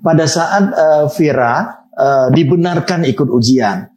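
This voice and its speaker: Gentle hesitant male interviewer. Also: on the high side, measured pace. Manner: gentle, hesitant, many fillers. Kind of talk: interview questions.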